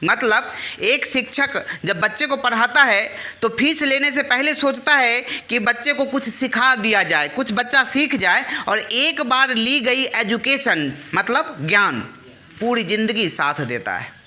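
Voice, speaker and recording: A man's voice: very high-pitched, animated, unhurried, pushed and bright. A man hosting a live talk for farmers at a village temple, coaxing them to answer back like a teacher and leading call-and-response chants. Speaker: channel host addressing farmers.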